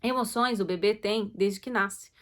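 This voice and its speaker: A woman's voice: mid-range voice, unhurried, fairly bright tone. A woman gives casual advice to parents, chatty and loose, with many fillers and self-corrections. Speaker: host talking to parents.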